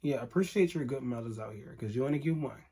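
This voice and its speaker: A man's voice: mid-range voice, fast talker, warm tone, husky. A man vlogger telling an emotional storytime to camera, candid and earnest, talking straight to his viewers.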